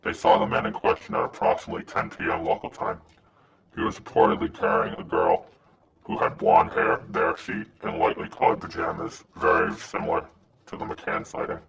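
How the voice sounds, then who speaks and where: A man reading a scripted anonymous message in a disguised, pitched-down voice. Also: very animated, brisk, a loud crowd. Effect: disguised voice, pitched down and gravelly. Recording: noisy, distant-sounding recording.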